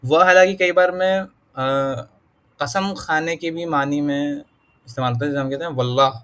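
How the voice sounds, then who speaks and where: A man reading through a beginner Arabic lesson and explaining each word, thinking aloud with pauses and fillers, slowing to sound out words and mixing in English terms. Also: medium pitch, a bit bright. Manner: mixes English words into his talk. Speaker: self-taught Arabic learner teaching.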